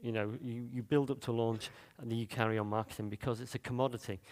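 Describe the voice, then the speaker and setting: A Manchester man with the local accent gives a conference talk in a mid-pitched, slightly mellow voice, speaking fast with fairly even intonation. His delivery is loose and chatty, packed with ums, restarts and asides. The sound has a big-room quality.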